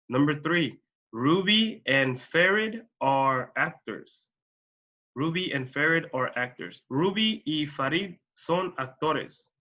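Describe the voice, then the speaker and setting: Slow, bright-voiced male English teacher. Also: a little high, muffled recording. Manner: slow, carefully enunciated example sentences. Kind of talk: bilingual English lesson.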